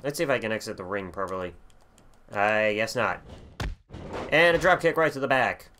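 A young man commentating a wrestling video game as he plays, excitable and full of profanity. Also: on the low side, moderate pace. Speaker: gaming channel host. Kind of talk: let's play commentary.

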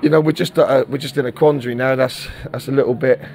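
Giving a frank post-match interview, a middle-aged football manager talks fast in a gravelly, darkish voice of middle pitch and steady tone. He keeps repeating words as he hunts for them and starts sentences over while thinking aloud.

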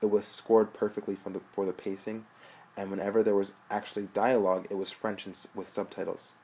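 A man narrating a story aloud in a steady, plain way. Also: on the low side, a little fast, husky, rough recording. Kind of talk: audiobook narration.

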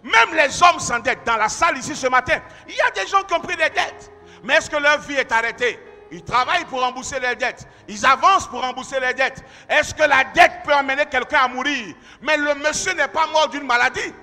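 A man preaching in a church hall, his voice very high and bright, cutting through. He swings between shouted emphasis and hushed asides, and the long reverb of the hall trails every line over a faint bed of music. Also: fairly quick. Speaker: pastor. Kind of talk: sermon.

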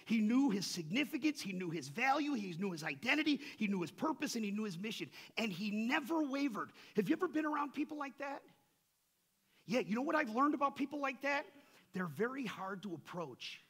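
Husky high-voiced male pastor preaching. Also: sing-song, fairly quick. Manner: swings from loud emphatic peaks to soft low asides; rhetorical questions to the congregation. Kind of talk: sermon.

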